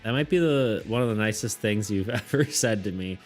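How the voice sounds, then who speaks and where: Faint music sits beneath a man's fairly quick, lowish voice as he chats casually with viewers during a live stream. He rambles, keeps restarting his sentences and laughs a lot.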